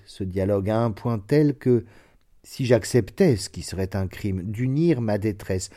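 Reading classic fiction aloud for an audiobook, a male narrator takes on the role of a bitter, despairing young deaf woman. His lowish voice stays soft, sorrowful and measured.

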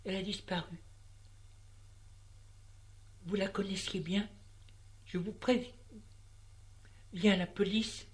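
A woman reading a story, voicing a cold, scheming young widow who speaks smoothly and politely but firmly. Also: medium pitch, steady tone, slow, pauses often, voice pushed up, close to an everyday voice. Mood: cool, guarded.

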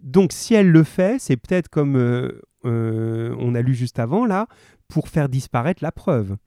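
A man's voice: mid-range voice, a little slow, dry recording, clean studio sound. A male teacher running a live radio class, encouraging students who call in and reading a story aloud. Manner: lively, encouraging, full of fillers.

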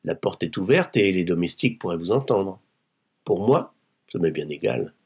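A man's voice: sits low, expressive, moderate pace, a little mellow, slightly rough, full character voice. A man reading a novel aloud and voicing an insolent, coarse blackmailing woman who speaks with mocking, overly familiar coolness. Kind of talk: audiobook reading.

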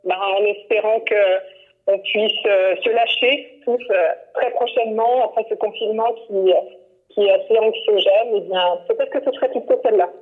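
A woman's voice: medium pitch, normal speed. A woman in her fifties calling in by phone, chatting casually and hesitantly with many fillers and restarts. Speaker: phone-in guest, teacher. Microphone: telephone. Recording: tinny phone line.

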